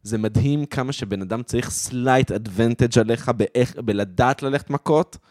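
A man co-hosting a podcast who talks in a relaxed, conversational way and teases his co-host. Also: mid-range voice, dry recording, studio quality. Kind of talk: casual chat.

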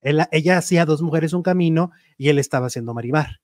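A man hosting a casual entertainment chat, gossiping in an animated way and acting out quotes playfully. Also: fairly high pitch, quick pace, no echo, studio quality. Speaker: show host.

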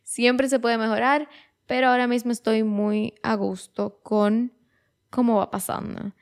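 A woman's voice: a little high, level tone, measured pace. A woman of twenty-three talking casually and reflectively as host of her own show, chatty, often restarting her phrases and dropping in English words. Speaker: podcast host.

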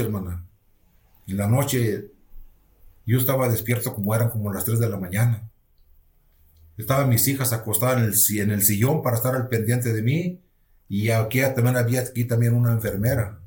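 A man who is a pastor and speaks gives a personal testimony to a listener. He tells it in an earnest, halting way with many restarts. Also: medium pitch, darkish tone. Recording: roomy echo.

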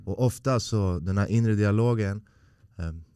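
A man hosting a podcast, talking in a calm, thoughtful way. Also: fairly low pitch, clean tone, dry recording, clean studio sound. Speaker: podcast host. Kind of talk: reflective conversation.

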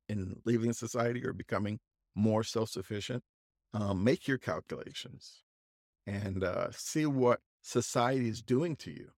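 A man co-hosting a podcast, telling a casual, halting anecdote full of restarts and asides. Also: medium pitch, a little mellow, no echo, studio quality. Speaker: podcast co-host. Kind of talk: casual storytelling chat.

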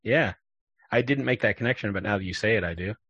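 A man hosting a casual chat, recapping a TV episode in a relaxed, joking way with lots of filler words. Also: lowish voice, fast talker, breathy edge, no echo, lo-fi sound. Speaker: podcast host.

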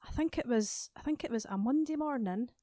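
A woman's voice: high-pitched, a little fast, mellow, dry recording. A woman, a singer in a band, talking as a guest in a studio podcast interview in a friendly, storytelling way. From Scotland. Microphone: studio microphone.

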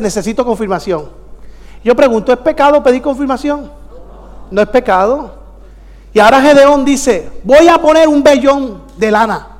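Male pastor, very high voice, fervent sermon delivery, long hall reverb. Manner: fervent, calls out to the congregation.

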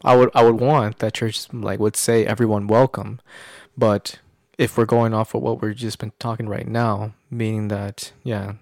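A man's voice: lowish voice, flat delivery, normal speed, few pauses, darkish tone, no room sound, clean studio sound. A man talking casually about faith in a hesitant, roundabout way, often checking for agreement. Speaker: podcast co-host. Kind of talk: casual religious discussion.

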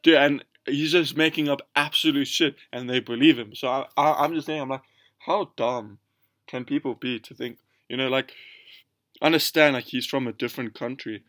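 A man's voice: medium pitch, steady tone, normal speed, fairly bright tone, no echo, clean studio sound. Easygoing South African man. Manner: easygoing, laughing, rambling storytelling. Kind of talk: casual chat.

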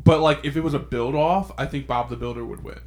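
A man's voice: mid-range voice, quick pace. A young man co-hosting a casual podcast chat, joking around and swearing, laughing often. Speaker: podcast co-host.

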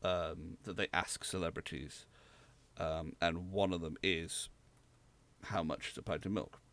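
A man's voice: deep voice, steady tone, unhurried, fairly bright tone. A young man from rural England, co-hosting a podcast in casual, rambling chat. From Southwest England. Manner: rambling, hesitant, explains at length. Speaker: podcast co-host.

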